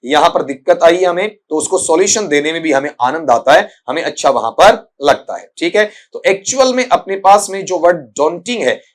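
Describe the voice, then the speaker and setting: A middle-aged male English teacher explaining exam grammar and pronunciation in Hindi, calling his students "beta", sounding words out slowly and leaning on the filler "aapka". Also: a little high, expressive. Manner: addresses students as "बच्चा" and "बेटा", spells and sounds out words slowly; filler "आपका" repeated constantly.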